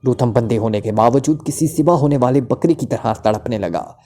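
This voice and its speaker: Mellow-voiced man narrating a thriller. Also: mid-range voice, normal speed. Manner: steady storytelling, shifting into character voices. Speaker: story narrator. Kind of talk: reading a spy thriller novel aloud.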